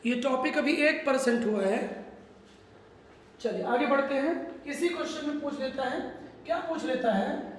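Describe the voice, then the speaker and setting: High-voiced male teacher in an echoey classroom. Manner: joking, coaxing students with quick questions. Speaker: physics teacher. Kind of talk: classroom lecture. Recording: echoey classroom, distant mic, faint hum.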